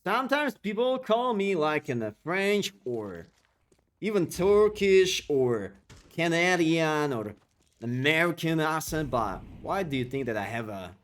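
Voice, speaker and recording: A man casts an esports match solo on a live stream, calling plays excitedly and chatting with viewers in between. His voice is a little high and unhurried, and his non-native English comes out slightly broken.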